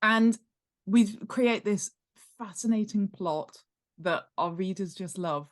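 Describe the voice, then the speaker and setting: The world-building author, appearing as an interview guest, speaks slowly at a medium pitch, explaining her craft in an enthusiastic, emphatic, conversational way and laughing readily.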